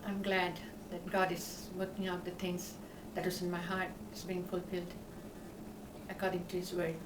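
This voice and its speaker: An older woman speaks in a low, flat tone and answers slowly and devoutly, pausing on fillers. She stands away from the mic, her voice echoes, and steady background noise runs underneath. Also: recorded from a distance. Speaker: interviewee.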